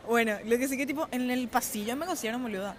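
A young woman in her twenties with a Paraguayan Spanish accent co-hosts a podcast, telling a story in casual chat, acting out voices and laughing often. Her voice is a little high and fast, with crowd noise in the background.

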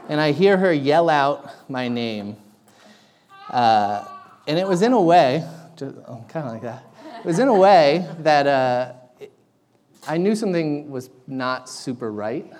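A young man preaching a sermon in a casual, halting way with lots of ums, his voice carrying an echoey big-room sound. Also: fairly high pitch, animated, a little mellow, slight background noise. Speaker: guest preacher.

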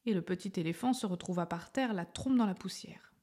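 A woman reading a children's story aloud in a soft, gentle way, often half-whispered. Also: fairly low pitch, fairly quick.

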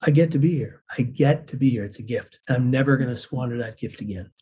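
Fast-talking man with a husky voice. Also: medium pitch, mellow. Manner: earnest and intense, acts out quoted voices. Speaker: interview guest. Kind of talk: personal storytelling.

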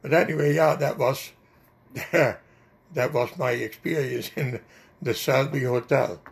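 An older man with a Dutch accent and a deeply gravelly, creaky voice recounts his memories. He rambles and pauses often between words as an interviewee. His pitch sits in an ordinary middle range. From Netherlands. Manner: rambling storyteller with many hesitations. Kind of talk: oral history interview.

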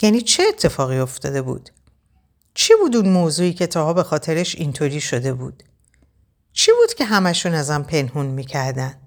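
A woman narrating a first-person story aloud, expressive and tense. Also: sits low. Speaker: audiobook narrator.

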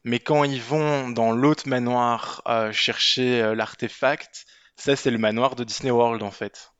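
A man's voice: medium pitch, steady tone, measured pace, a bit bright, clear, resonant tone, no room sound, lo-fi sound. A man joining a podcast as a guest, explaining things casually. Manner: explanatory, informed.

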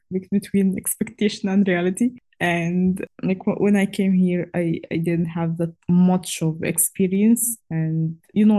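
A woman's voice: on the low side, dark tone. A young woman from Egypt in her twenties, answering interview questions casually and hesitantly, with frequent fillers and restarts. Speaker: guest.

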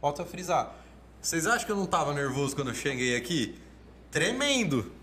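A male oratory teacher with a Brazilian Portuguese accent gives casual coaching talk, animatedly acting out quoted thoughts and restarting often. His voice is fairly high and fairly quick, with slight background noise.

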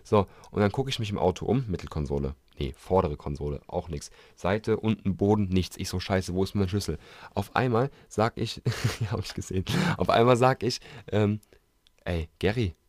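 Podcast co-host, male, low voice, fast slangy anecdote teller, dry close mic. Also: no room sound. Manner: animated storyteller, acts out quoted dialogue, slangy. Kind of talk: casual chat.

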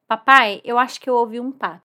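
A woman's voice: fairly high pitch, fairly even intonation, fairly quick, sharp tone. A woman voicing a frightened, curious little boy in a storybook tale. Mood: eager. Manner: frightened, pleading, wide-eyed.

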